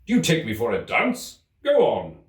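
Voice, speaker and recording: A man voicing an irritable, bossy king presiding as judge, sharp and commanding, in a storybook reading. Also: medium pitch, huge pitch swings, moderate pace, pitched above the performer's own voice. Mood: angry. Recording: roomy, slightly distant microphone.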